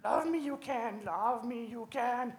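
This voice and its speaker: A woman voicing a tiny ancient alien sage in a live church comedy skit, speaking in inverted word order with drawn-out yeses. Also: on the high side. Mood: playful.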